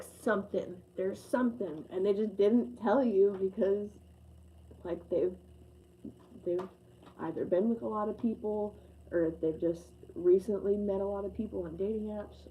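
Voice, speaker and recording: A woman's voice: medium pitch, slight background noise. A woman in her late twenties giving a casual tarot reading to camera, chatty, effusive and sentimental, slightly muffled recording. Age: late 20s. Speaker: tarot reader.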